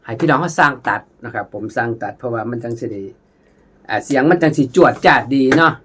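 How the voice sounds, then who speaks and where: A man with an Isan accent giving a casual khaen lesson, chatting warmly to viewers as brothers and sisters and sometimes singing melodies in syllables. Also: mid-range voice, fast, a little hiss or hum. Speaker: khaen teacher.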